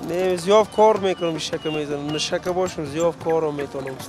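A man with an Afghan Dari accent, interviewed outdoors on a city street, giving short, halting answers. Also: fairly high pitch.

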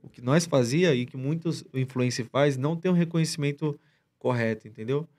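Man, podcast guest, casual storytelling, slangy, rambling, mid-pitched voice. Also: a little fast, a little mellow. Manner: rambling slangy retelling with many restarts.

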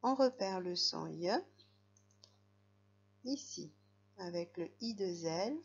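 A woman's voice: on the low side, expressive, takes it slowly, highs cut off. A woman teaching a young child to read, patiently spelling out letters and sounds. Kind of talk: reading lesson for a young child.

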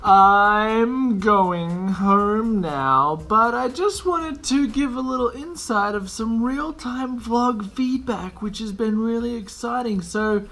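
A man's voice: high voice, expressive, slow, hardly any pauses, a bit bright. A young man talking casually to his camera in a rambling, self-mocking vlog monologue. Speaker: vlogger.

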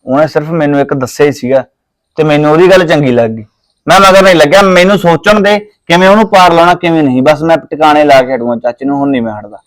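A man's voice: a little high, quick pace, dry recording, close to an everyday voice. An actor playing a scheming young village man plotting over land, with a Punjabi accent, insistent and argumentative. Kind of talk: Punjabi village short film acting.

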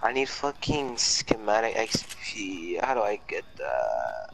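A man's voice: on the low side, big pitch swings, slow, vocal fry, a bit bright, slight background noise, rough recording. A man in casual gaming chat with a friend, laid-back and swearing casually while he plays. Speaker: gamer.

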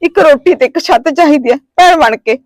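A woman plays a desperate village wife cast out by her in-laws, weeping as she begs for a roof and two meals a day. Her voice sits high and tearful. The recording is close and dry. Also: a little fast, dry recording, close to an everyday voice. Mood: earnest pleading. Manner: pleading, tearful. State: crying. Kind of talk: amateur short-film acting.

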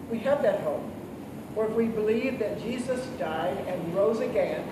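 An older man speaking as a pastor at a graveside committal, solemn and measured, recorded outdoors from a distant camera. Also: high-pitched. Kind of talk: graveside committal sermon with scripture reading and prayer. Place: outdoor covered committal shelter with stone wall. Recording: echoey, distant, very noisy camera audio.

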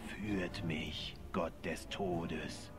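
A menacing dark elf executioner from a video game. His voice is deep and solemn, drawn out very slowly as if devoted to death. Music is clearly heard behind him. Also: fairly even intonation, full character voice. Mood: grim, menacing.

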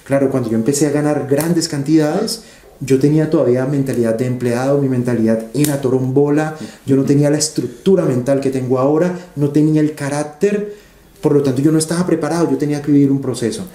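A man's voice: mid-range voice, fairly even intonation, quick pace, mellow, reverberant. A man, an interview guest telling stories animatedly and repeating phrases for emphasis. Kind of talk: conversational interview storytelling.

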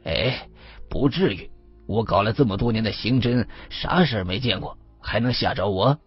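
A man's voice: fairly low pitch, lively intonation, moderate pace, slightly rough. A man voicing a chummy middle-aged cop. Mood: boastful. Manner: chummy, colloquial, teasing. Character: middle-aged male police detective, curious, jovial. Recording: slightly muffled with faint music.

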